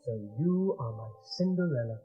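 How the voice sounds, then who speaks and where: A man's voice: a little high, lively intonation, moderate pace, muffled recording, faint music behind, natural voice. A man playing a stately young prince in a pantomime radio play, speaking in a formal, lordly way. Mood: regal.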